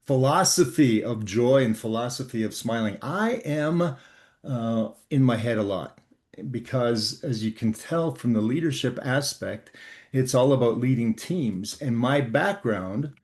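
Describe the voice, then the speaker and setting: An older man from Canada, a guest author on leadership, telling a work story in an earnest, measured way with frequent pauses and fillers. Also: medium pitch, darkish tone. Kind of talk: storytelling interview talk.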